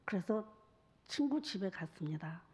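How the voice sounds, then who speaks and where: A woman evangelist giving a sermon testimony, telling her story in an intimate, often hushed way. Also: mid-range voice, lively intonation, normal speed.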